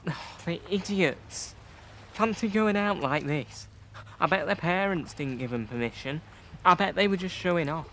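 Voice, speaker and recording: A young actor playing a sensible, good-natured teenage boy in an audio play, steady and reasonable. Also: sits high, normal speed, a little hiss or hum, full character voice. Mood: alarmed. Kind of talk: youth theatre audio play.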